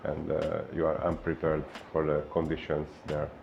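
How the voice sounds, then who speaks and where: A man from Hungary with a Hungarian accent, a fitness coach giving an unhurried explainer talk full of filler pauses. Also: a bass voice, completely flat delivery, gravelly, a little mellow, lo-fi sound, slight background noise.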